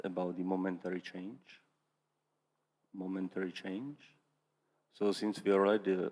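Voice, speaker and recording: A man's voice: deep voice, a little mellow. A man asking a question as a student at a teaching, hesitant and searching for words. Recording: long hall reverb.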